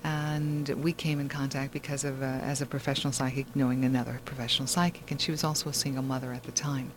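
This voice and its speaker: A woman's voice: extremely low pitch, level tone, quick pace, noisy background. A woman hosting a talk show, telling a long story in a rambling way with many fillers and restarts. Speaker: host.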